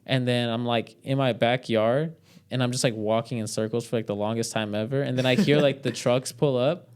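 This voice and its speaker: Young guy, podcast storyteller, loose and profane, clear smooth tone. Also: mid-range voice, steady tone, brisk, darkish tone. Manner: rambling, swears a lot, many "like" fillers. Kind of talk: casual storytelling chat.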